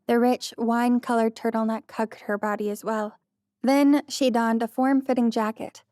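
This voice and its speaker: A woman narrating a light romantic comedy in an even, storytelling manner. Her voice sits fairly high, and the studio recording is close and dry. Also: no room sound. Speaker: audiobook narrator. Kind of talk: scripted narration.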